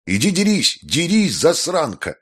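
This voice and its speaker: A man voicing a furious middle-aged fencing master who barks orders and shouts insults. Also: on the high side, huge pitch swings, measured pace, breathy edge, pitched above the performer's own voice, exaggerated voice. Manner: barking, explosive.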